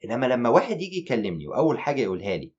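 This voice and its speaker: Animated Egyptian man teaching. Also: mid-range voice, rapid-fire, breathy edge, dull audio. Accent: Egyptian Arabic. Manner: animated, mixes English terms into explanations. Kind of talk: online exam-prep lecture.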